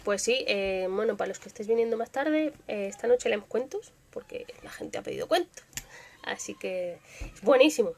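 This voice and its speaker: A young woman with a Spanish accent from Spain, hosting a live stream and reading stories in a soft, expressive voice that sometimes drops to a whisper. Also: medium pitch, moderate pace, vocal fry, slight background noise. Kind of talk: dramatic story reading with casual chat.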